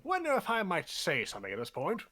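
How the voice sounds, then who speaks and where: A man's voice: sits high, wildly swooping pitch, fast talker, over a noisy crowd. A man playing a bumbling, polite jury foreman in a video game read-aloud, with a rambling, mannered delivery. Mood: befuddled, earnest.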